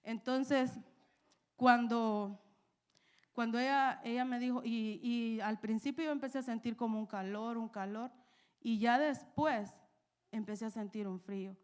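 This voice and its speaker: A woman's voice: a little high, a little slow, smooth. A young woman preaching, telling a personal testimony with emotion and frequent "¿verdad?" asides. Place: church.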